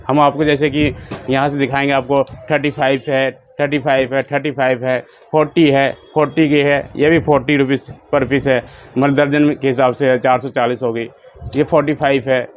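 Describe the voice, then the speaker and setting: A man in his thirties giving a steady salesman's patter in a small crowded shop, running through brands and prices. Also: mid-range voice. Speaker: wholesale shopkeeper. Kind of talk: sales pitch for a shop tour. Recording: slightly dull, faint background hum.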